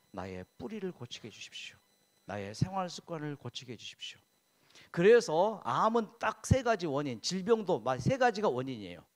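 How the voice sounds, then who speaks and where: A man preaching in church with a rather high voice that swings widely up and down. He keeps asking his listeners questions and answering them himself. He also has them repeat key words back in a call-and-response drill. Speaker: pastor. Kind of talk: sermon on health.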